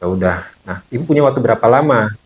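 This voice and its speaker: A man's voice: mid-range voice, lively intonation, fast, poor audio. A man, a bone-setting therapist, casually telling viewers a story from his clinic, with lots of fillers and quoted dialogue.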